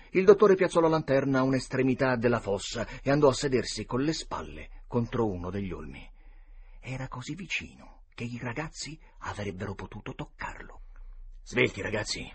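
A man reads a classic novel aloud in a dramatic storytelling manner. His voice sits low and husky with a breathy edge, and his pitch rises and falls widely. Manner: dramatic, expressive reading. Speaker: reader. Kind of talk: storybook narration.

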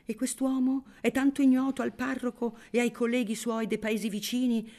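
A woman's voice: on the high side, little pitch movement, normal speed, darkish tone, pitched above the performer's own voice, natural voice. A woman reading an audiobook, voicing a sly, pompous middle-aged male lawyer who declaims as if in court. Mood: declaiming.

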